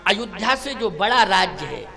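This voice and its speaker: A male preacher voicing a calm, dutiful young prince who speaks respectfully to his mother during a devotional story. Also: high-pitched, normal speed, gravelly, music in the background, exaggerated voice.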